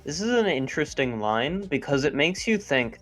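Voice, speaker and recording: A woman's voice: low-pitched, very animated, normal speed, soft background music. A woman streamer who reads game dialogue aloud expressively and chats casually between the lines.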